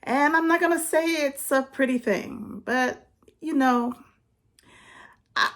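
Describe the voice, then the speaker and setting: A woman's voice: high-pitched, takes it slowly. A woman in her fifties chatting casually to her viewers, laughing often as she talks. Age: 50s. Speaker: vlogger. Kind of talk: casual chat to camera.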